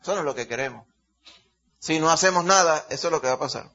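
A man's voice: a little high, quick pace, sharp tone. Guy preaching, folksy and chatty, keeps checking in with the congregation, kinda muffled recording. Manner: conversational, folksy, checks in with "¿verdad?" and "¿ok?". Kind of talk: Bible teaching sermon. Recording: dull lo-fi recording.

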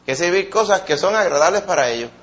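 Man, Puerto Rican accent, preacher, sermon, emphatic swings from loud to soft, fairly high voice, muffled recording. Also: lively intonation, quick pace. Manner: emphatic, rising to loud peaks then dropping to soft.

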